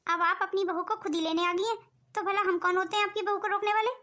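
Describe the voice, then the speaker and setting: A woman's voice: very high-pitched, fairly even intonation, fast talker, sharp tone. A woman voicing a polite middle-aged mother of the bride in a cartoon, courteous and deferential. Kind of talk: cartoon voice acting.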